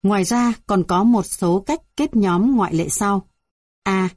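A woman reading a music theory textbook aloud in an even, measured way, going through numbered items. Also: mid-range voice, dry recording, clean studio sound. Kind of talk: scripted textbook narration.

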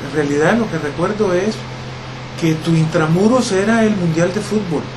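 A middle-aged man from El Salvador, answering interview questions in a reflective, relaxed way with many pauses and fillers. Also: high voice, noisy background.

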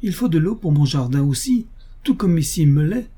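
A man's voice: on the high side, animated, normal speed, dark tone, slightly rough, pitched above the performer's own voice. A man putting on a grumbling, peeved gardener. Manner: grumbling, clipped broken phrases. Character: irritated male gardener, broken speech.

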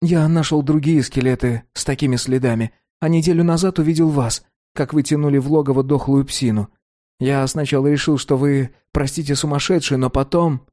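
A man reading an audiobook voices an anxious, eager fifteen-year-old boy who rushes his words. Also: close to an everyday voice. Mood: earnest. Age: 15 (figure). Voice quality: high, pleading, breathless voice. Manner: earnest and rushing, voice climbing when excited. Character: anxious, eager teenage boy obsessed with vampires. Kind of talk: audiobook character voice.

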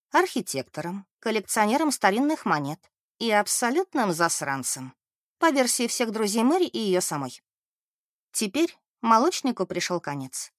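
A woman narrating a novel aloud in an expressive, measured way. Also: medium pitch, no echo, studio quality.

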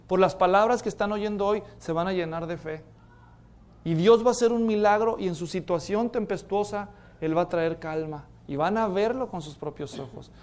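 A man preaching a sermon, retelling stories dramatically, acting out voices and dropping to quiet emphasis on his key points. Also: high voice.

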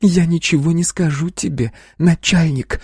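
A panicky young woman who swings between terror and defiance, her voice pitched sharply high and soft with a husky edge, put on by a male audiobook narrator. Her pitch leaps around as she pleads, and the recording is dry and close. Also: expressive, moderate pace, dry recording, exaggerated voice. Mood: defiant. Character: frightened young woman witness, jittery and defiant. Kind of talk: audiobook character voice.

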